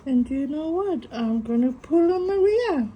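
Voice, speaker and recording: This tangle art vlogger has a high, warm, expressive voice and an unhurried pace. She stutters as she chats casually to camera while drawing, musing reflectively to herself, all captured on a phone in low-quality audio.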